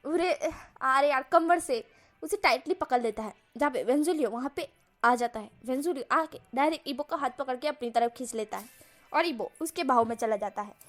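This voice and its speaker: A woman's voice: sits high, a little fast, soft background music. A woman reading a fan fiction story aloud informally, with restarts and self-corrections.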